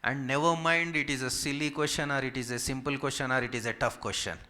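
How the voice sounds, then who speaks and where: Fast, pushed and bright, this medium-pitched male voice keeps a fairly even intonation. The speaker is a Hyderabad physiotherapist, a native Telugu speaker with a Telugu Indian accent, giving an informal medical presentation with audience questions. He's polite, repetitive and emphatic in his lists.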